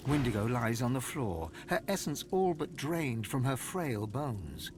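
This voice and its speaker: An actor narrating a dark fantasy video game as a solemn storyteller, in a grave, measured, literary manner. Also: male voice, mid-range voice, very animated, background noise. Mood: grave, dramatic. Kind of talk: dramatic scripted fantasy narration.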